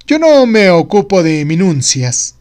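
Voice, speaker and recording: Man voicing a pompous, high-pitched excitable inventor. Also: measured pace, clear, resonant tone. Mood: proudly confident. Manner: pompous, exclamatory. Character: excitable, boastful male inventor, grandiose and always optimistic. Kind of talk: audio storybook.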